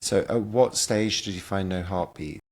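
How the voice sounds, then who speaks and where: A man's voice: low-pitched, moderate pace, a little mellow. A man hosting a podcast, asking questions and reacting with empathetic exclamations. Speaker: podcast host. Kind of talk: interviewing.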